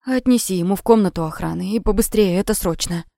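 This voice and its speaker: A woman's voice: mid-range voice, quick pace, creaky, warm tone, dry recording, clean studio sound, natural voice. Woman voicing a hungover crude bald man. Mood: irritated. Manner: groaning, swearing. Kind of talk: audiobook character reading.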